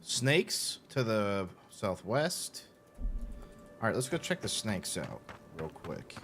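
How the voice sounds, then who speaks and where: A man's voice: fairly low pitch, sing-song, takes it slowly. A man casually commenting live on a game he is playing, joking and swearing. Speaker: streamer. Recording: game music behind.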